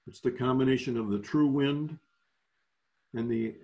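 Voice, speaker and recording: A man's voice: medium pitch, moderate pace, a little mellow, muffled recording. A man instructing newer sailors in a virtual clinic, explaining step by step and often restarting his phrases. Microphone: video call.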